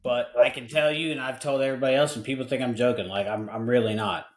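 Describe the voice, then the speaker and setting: A man's voice: medium pitch, fairly even intonation, fast, reverberant. Earnest forty-year-old podcast host, a man. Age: 40s. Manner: candid and earnest, with frequent restarts. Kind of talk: casual podcast conversation.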